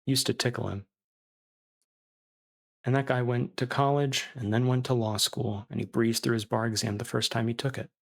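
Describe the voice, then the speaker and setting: A man reading as a starving, bitter disgraced surgeon who confesses in a castaway's diary, callous and self-justifying, with a creaky voice. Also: medium pitch, steady tone, normal speed, close to an everyday voice. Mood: bitter, boastful.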